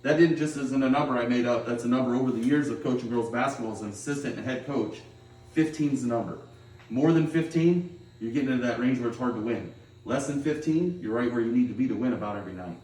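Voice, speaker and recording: A middle-aged man, a basketball coach, gives his team a pregame pep talk, plain-spoken and instructive, often checking in with a quick okay. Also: medium pitch, a little mellow. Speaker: high school girls' basketball coach. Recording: roomy echo, distant microphone.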